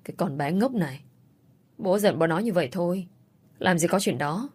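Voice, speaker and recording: A woman's voice: fairly low pitch, lively intonation, brisk, darkish tone, slightly rough. A woman voicing a worried, tender middle-aged mother who soothes her daughter over the phone. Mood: gentle worried. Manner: soothing, coaxing.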